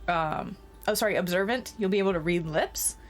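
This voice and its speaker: A woman's voice: on the low side, fairly quick. A woman running a tabletop game as game master, narrating scenes and explaining rules casually.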